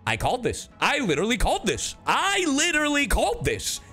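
Over soft background music, the streamer and voice actor speaks briskly in a very high, bright, husky voice that's forceful and swoops wildly in pitch. His casual reaction chat with viewers is full of slang and emphasis, and he repeats himself to drive points home.

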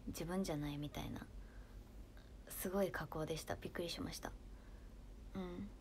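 A young woman with a Kansai accent, chatting casually on her livestream and reading viewer comments, often softening into near-whispers. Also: lowish voice, steady tone, moderate pace, a little hiss or hum. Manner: soft-spoken, drifts into near-whispers, laughs often.

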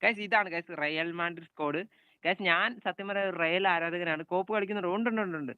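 A man's voice: sits high, fairly quick, clear, resonant tone, dry recording, narrow, tinny audio. A young man with a Malayali accent streaming a football video game live, calling out plays and greeting viewers by name. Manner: chatty, calls out passes and greets viewers by name.

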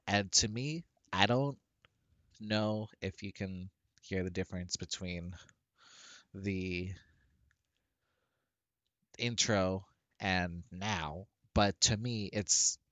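Walking through a software setup in a casual screen-recorded tutorial, a deep-voiced man talks slowly and rambles, often restarting sentences and leaning on fillers. He's a tech tutorial creator, captured dry and close on a headset mic with no room sound at all.

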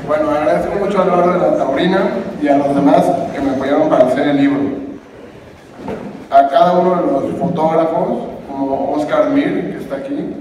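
A man's voice: a little high, normal speed. A man in his thirties giving polite, earnest thanks as a rejoneador and book author at a book launch, speaking into a table microphone. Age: 30s. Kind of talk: thank-you speech and interview answers. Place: book launch hall, indoors. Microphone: table microphone at the panel. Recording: distant, echoey hall with background noise.

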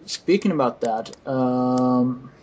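A man hosting a podcast and laying out an argument in a hesitant, halting way with frequent restarts. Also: medium pitch, a little mellow, lo-fi sound, a little hiss or hum. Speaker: podcast host. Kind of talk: casual podcast discussion.

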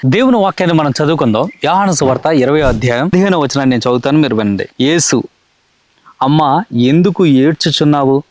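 Earnest high-voiced male preacher. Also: animated, fast, darkish tone, no echo. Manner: earnest, repetitive preaching cadence. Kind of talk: sermon.

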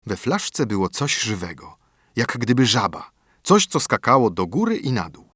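A man reading a fairy tale aloud as an audiobook narrator, in expressive, lively storytelling. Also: medium pitch, normal speed, breathy edge, dry recording, clean studio sound.

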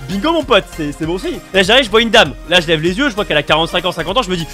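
A young man telling a story on his vlog, animated and slangy, acting out the people in it. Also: high voice, rapid-fire, faint music behind. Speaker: vlogger.

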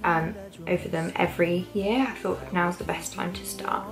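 A woman's voice: fairly low pitch, steady tone, moderate pace, vocal fry, poor audio. A British woman in her twenties chatting casually to the camera in a small room at home. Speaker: vlogger. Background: background music.

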